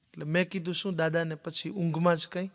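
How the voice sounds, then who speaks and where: A high-pitched man tells folksy jokes on stage, acting out each character's lines. His voice rings out in a hall with a long reverb. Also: flat delivery, fairly quick. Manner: folksy storyteller, acts out dialogue. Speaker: stand-up comedian. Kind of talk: stand-up joke telling. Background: audience laughing.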